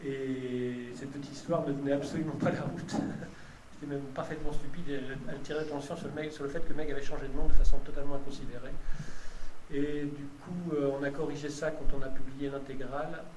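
A man's voice: mid-range voice, steady tone, a little fast. Man telling anecdotes in a roomy room. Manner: anecdotal, self-mocking, chuckling. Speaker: novelist. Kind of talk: casual interview talk. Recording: roomy with clear background noise.

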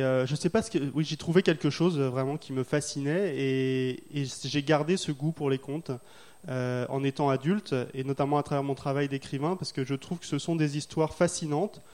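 Male author guest from France, reflective and hesitant, voice a bit high. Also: darkish tone. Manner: thoughtful, hesitant with many fillers. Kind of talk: festival interview.

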